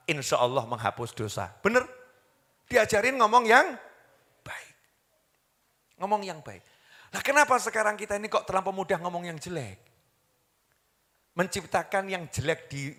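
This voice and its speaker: A man preaching a sermon. His pitch swings widely as he quizzes the crowd and mimics the people he quotes. His voice is bright and forceful, and a long echo trails it through a big hall. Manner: animated, asks the audience questions and acts out quoted people.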